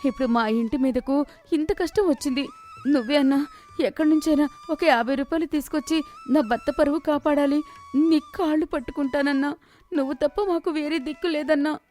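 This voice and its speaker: A woman voicing a shrewd village housewife who scolds, complains and wails in an animated story. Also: high-pitched, brisk, soft background music, voice pushed up, lightly acted. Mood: pleading. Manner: scolding, then loud theatrical wailing.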